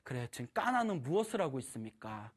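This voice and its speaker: A preacher voicing a calm, gentle Buddha. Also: mid-range voice, pitched below the performer's own voice. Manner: soft, calm, measured.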